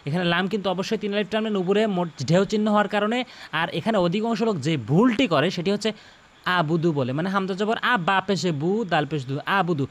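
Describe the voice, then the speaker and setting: A man teaching correct Quran recitation, slowly repeating words and correcting common mistakes. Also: sits high. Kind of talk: tajweed lesson with demonstrated recitation.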